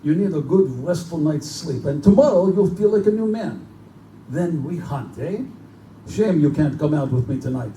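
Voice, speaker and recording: Performing live in a bookstore, this man portrays a pompous, genteel general who hunts humans for sport in a horror stage drama. He speaks at a normal pace in a natural, expressive voice that sits a little high with a dark tone, his manner urbane, bored, and condescending. The live room recording is distant, echoey, and noisy.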